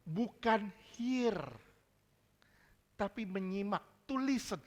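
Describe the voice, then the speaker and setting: The recording is muffled, and the male pastor speaks slowly in a high-pitched voice. Preaching a sermon at a church service, he stays emphatic, blends casual slang into his message, and quizzes the congregation with repeated questions.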